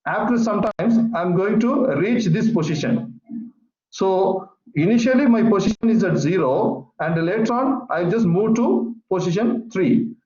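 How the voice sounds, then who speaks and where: High-pitched guy lecturing physics online, slow and repetitive, roomy dull sound. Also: animated, a little mellow. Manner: repetitive, patient explaining. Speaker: teacher. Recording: echoey, muffled online call audio.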